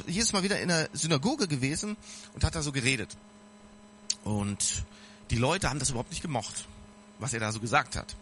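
Lively, high-voiced man preaching casually. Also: slight background noise. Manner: speaks directly to listeners, casual and earnest. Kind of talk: informal sermon.

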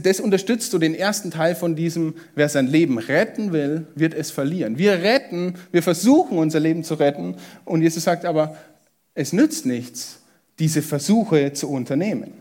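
High-voiced German man preaching a sermon. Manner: lively, emphatic preaching with rhetorical questions. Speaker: pastor.

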